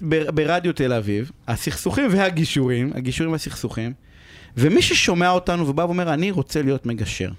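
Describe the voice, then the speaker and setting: A male talk radio host speaking in a loose, chatty way and leaning on filler words. His voice sits fairly high, and the studio sound is dry. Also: lively intonation, no room sound. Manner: casual, chatty, heavy use of fillers.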